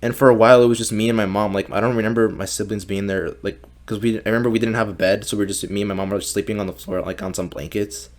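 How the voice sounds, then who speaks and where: Low-voiced young man chatting casually. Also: steady tone, fast talker, hardly any pauses. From Mexico. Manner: casual, swears often, many "like" fillers. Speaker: podcast guest. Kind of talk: casual conversation.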